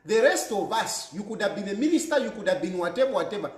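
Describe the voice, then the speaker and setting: Man, Zambian accent, fervent political monologue, animated rising and falling voice, repeats himself for emphasis. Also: sits high, quick pace, echoey room. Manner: fervent, repeats phrases for emphasis, mixes local phrases into English. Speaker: political commentator.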